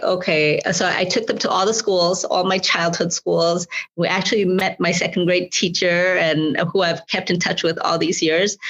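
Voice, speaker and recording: Woman, 40s, from Malawi, school board leader, lowish voice, sincere and searching, lo-fi muffled recording. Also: a bit bright. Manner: earnest, repeats words while searching for phrasing. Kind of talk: interview answers.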